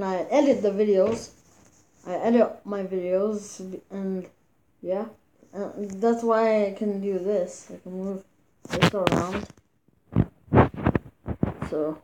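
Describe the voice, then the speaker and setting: Over a noisy background, a medium-pitched woman's voice comments casually on mobile gameplay for her YouTube channel. She stumbles, repeats words, and leans on fillers, all picked up by her phone's screen recorder mic.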